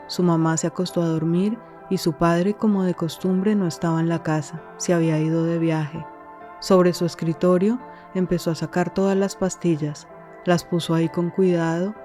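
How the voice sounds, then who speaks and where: Low, mellow female narrator. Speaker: podcast narrator. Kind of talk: scripted narration.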